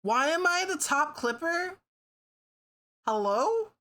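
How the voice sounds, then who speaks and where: Woman streamer just chatting, bright sharp voice, swears a lot, laughs a lot. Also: high voice, big pitch swings, slow. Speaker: livestreamer. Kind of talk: casual stream chat.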